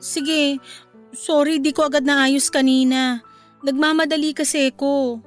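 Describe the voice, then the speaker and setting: Brief: a desperate, meek mother in a radio play; high-pitched and apologetic. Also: fairly even intonation, measured pace, faint music behind. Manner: meek and apologetic, then crying and shouting. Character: desperate mother working as assistant, pleading. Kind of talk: radio drama acting.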